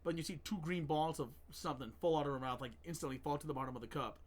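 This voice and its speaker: A man's voice: on the high side, rapid-fire. A young man hosting a casual podcast chat with friends, jokey and laughing often. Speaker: podcast host.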